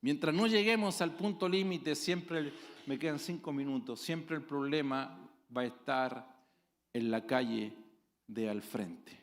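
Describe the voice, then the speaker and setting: A man preaching a sermon as pastor, dramatic, with sudden loud exclamations and acted-out voices of his congregation. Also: mid-range voice, measured pace. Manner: acts out quoted voices of congregants.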